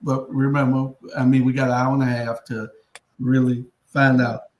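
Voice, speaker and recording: A man's voice: mid-range voice, little pitch movement, normal speed, darkish tone. A man hosting a casual panel, moderating in informal, hesitant phrasing. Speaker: host and moderator. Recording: roomy echo.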